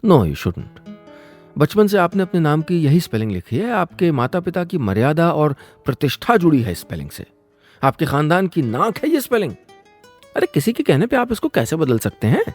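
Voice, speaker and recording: A man's voice: very animated, moderate pace, a little mellow, faint music behind. A man voicing a pompous male job interviewer who lectures and mocks, slipping into English phrases. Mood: preachy. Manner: lecturing, mixes English phrases, swings pitch for effect.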